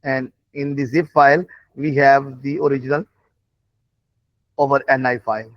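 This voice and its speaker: Over dull, lo-fi online call audio, a man of medium pitch and level tone teaches a live class, demonstrating on screen. English is not his native language, so he explains haltingly, repeats himself and checks often that everyone is following.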